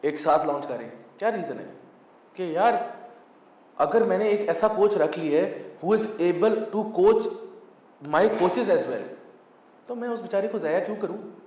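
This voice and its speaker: Speaking slowly with long pauses, this high-voiced, darkish-toned man in his twenties, a Pakistani football coach who founded his own club, still comes across as emphatic in a casual interview. He drops in English phrases and says "thik hai" a lot, captured on a muffled, echoey, distant recording with a faint hum.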